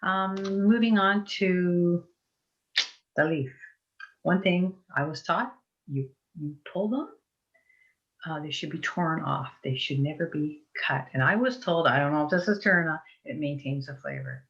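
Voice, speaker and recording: Heard over muffled online call audio, a guest herbalist from Eastern Europe chats informally, drifting off topic and frequently starting her sentences over. Her low voice is a bit bright, with lively intonation at a moderate pace.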